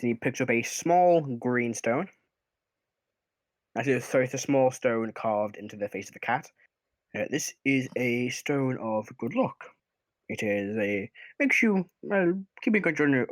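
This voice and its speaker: A man with an average-pitched voice narrates a tabletop game as game master. He talks casually and hesitantly, searching as he goes and swearing freely. The sound is very dry. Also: expressive, normal speed, no room sound.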